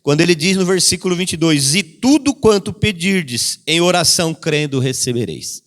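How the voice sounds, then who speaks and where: A man's voice: fairly high pitch, lively intonation, moderate pace, fairly bright tone. A man pastor preaching a sermon in a church, repeating key phrases and briefly acting out the voices of the people he quotes. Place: church hall. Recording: long church reverb.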